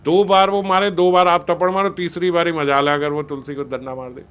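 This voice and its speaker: A man's voice: on the high side, little pitch movement, a little fast, fairly bright tone, smooth. Man giving a scolding talk on parenting. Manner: conversational and scolding, quoting parents and teachers. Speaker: spiritual speaker. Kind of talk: spiritual discourse on parenting.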